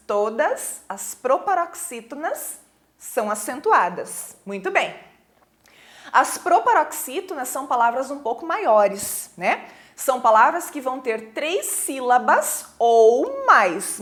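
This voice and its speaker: A Brazilian woman with a high, fairly bright voice teaches a recorded school lesson in Brazilian Portuguese. She explains things patiently, checks in with the class, and reads poems aloud slowly.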